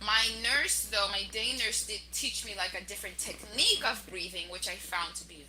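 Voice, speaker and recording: A young woman hosting a podcast, telling her story and giving tips to listeners in a chatty, lively way. Her voice is very bright and sits at a middle pitch. A faint hiss runs under the recording. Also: normal speed, rough recording. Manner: chatty, animated, addresses listeners directly. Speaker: podcast host. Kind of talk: casual storytelling advice.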